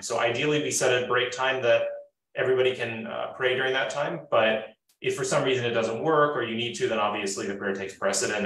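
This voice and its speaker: A man's voice: mid-range voice, fairly bright tone, roomy sound, distant mic, rough recording. A man in his thirties teaching an online class on a video call, organized and friendly with frequent fillers. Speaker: instructor.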